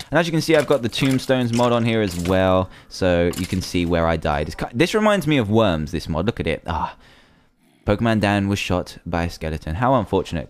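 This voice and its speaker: A young man giving casual, chatty commentary while playing a survival game, often nervous and easily panicked. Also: deep voice. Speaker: gaming video creator.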